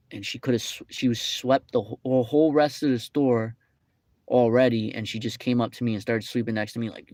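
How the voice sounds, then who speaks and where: A man's voice: medium pitch, a little mellow. A young man casually telling a rambling, indignant story with many fillers. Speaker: vlogger. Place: fast-food restaurant.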